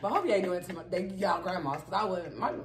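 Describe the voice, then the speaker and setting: A woman's voice: fairly low pitch, animated, fast, roomy sound, a loud crowd. A woman co-hosting a podcast in casual chat, joking, laughing a lot and swearing freely. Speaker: podcast co-host.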